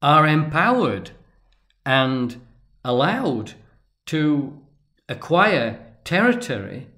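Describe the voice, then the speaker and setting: A man lecturing at length off the cuff, speaking deliberately and pausing often, with restarts as he stresses key words. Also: a little high, very animated, pushed and bright. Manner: deliberate, halting, with restarts and emphatic pauses. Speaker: tarot and religion commentator. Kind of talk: unscripted lecture.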